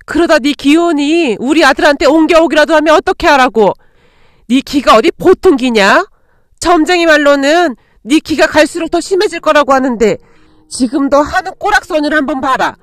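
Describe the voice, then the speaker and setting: A woman voicing a harsh, greedy, superstitious middle-aged mother who shouts and scolds. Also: high voice, normal speed, no echo, clean studio sound, natural voice. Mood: shrill scolding.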